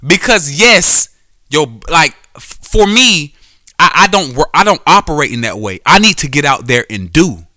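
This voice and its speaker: A man's voice: on the high side, big pitch swings, moderate pace, pushed and bright, no room sound, clean studio sound. A man hosting a solo podcast, talking casually and profanely about sports, with frequent restarts and self-corrections. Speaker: podcast host; former quarterback.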